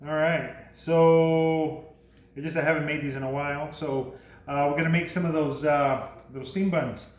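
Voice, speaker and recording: Chatty dad cooking in an echoey kitchen. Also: male voice, on the high side, level tone, normal speed, darkish tone. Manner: rambling, self-correcting, chuckling at his slips. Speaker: home cooking show host. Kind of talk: casual cooking demo. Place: home kitchen. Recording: echoey kitchen, clear background noise.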